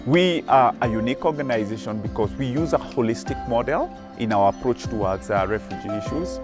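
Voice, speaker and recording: The executive director of a charity speaks earnestly and emphatically in a documentary interview, his mid-range voice expressive and fairly quick. Music plays in the background.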